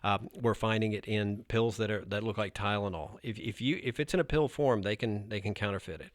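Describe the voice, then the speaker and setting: A man's voice: on the low side, a little fast, no room sound, clean studio sound. A man who works as a narcotics officer gives blunt, emphatic advice in a podcast interview, often restarting his sentences.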